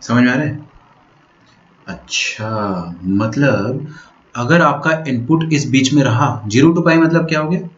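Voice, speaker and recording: A man's voice: mid-range voice, measured pace. Male maths teacher, patient step-by-step explainer, echoey room, dull lo-fi audio. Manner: explains step by step, checks often if students follow. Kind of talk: online lecture. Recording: roomy, dull lo-fi sound.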